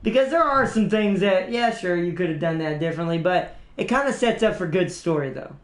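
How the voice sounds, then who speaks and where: High-voiced young man chatting in a roomy echo. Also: animated, a little fast. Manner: rambling, chatty fan talk with restarts and laughs. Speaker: livestream host. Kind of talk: casual livestream chat.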